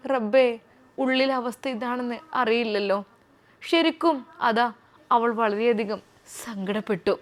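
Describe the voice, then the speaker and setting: A woman telling a story in an emotional, expressive way. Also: fairly high pitch, a little slow, pauses often. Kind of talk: storytelling narration.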